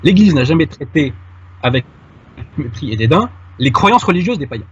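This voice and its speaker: A guest commentator on a radio-style show argues his case in detail, speaking to the host in a familiar way. His voice is fairly high, husky and very animated at normal speed, captured with lo-fi sound.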